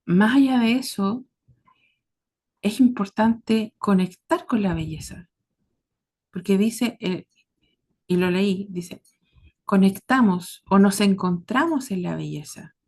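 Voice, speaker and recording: A woman from southern Chile, speaking with a Chilean accent, hosts a series about caregiving. She gives her listeners a reflective monologue, earnest and deliberate, in short phrases broken by pauses. Her voice is medium in pitch with a darkish tone.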